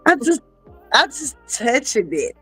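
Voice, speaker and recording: A woman's voice: high-pitched, very animated, unhurried, fairly bright tone, breathy edge, faint music behind, rough recording. Emphatic woman guest calling people baby. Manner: preachy, emphatic, calls people baby and honey. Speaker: podcast guest, actress. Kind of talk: casual chat.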